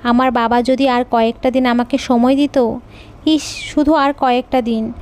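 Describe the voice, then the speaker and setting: A woman voicing a frank, curious young bride in an audio story, speaking in a soft, gentle voice. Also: on the high side, level tone, measured pace, slight background noise, close to an everyday voice. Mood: earnest.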